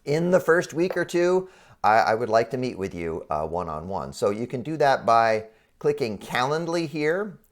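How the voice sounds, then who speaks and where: A man with a congested, frog-in-the-throat voice, under the weather, explaining an online course as a college professor in an informal, halting way. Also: mid-range voice, big pitch swings. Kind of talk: explanatory screen-share walkthrough for online students.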